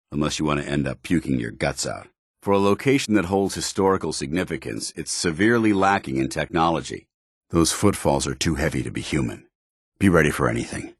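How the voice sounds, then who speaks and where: An actor playing a stern, dutiful military paladin in a post-apocalyptic video game, speaking formally with clipped authority. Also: male voice, extremely low pitch, breathy edge, no room sound, clean studio sound, heavily acted. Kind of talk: video game companion dialogue.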